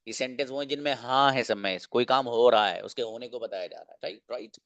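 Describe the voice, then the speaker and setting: A man's voice: mid-range voice, gravelly, fairly bright tone, no echo, dull audio. Dry-sounding man teaching a class. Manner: explains slowly, asks and answers own questions. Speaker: English teacher. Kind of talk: classroom lesson.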